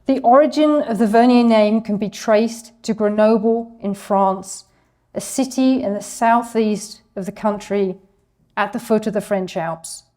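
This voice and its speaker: Woman presenter with a mellow voice. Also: medium pitch, measured pace. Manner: reads from a script, apologizes for her French pronunciation. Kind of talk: scripted presentation.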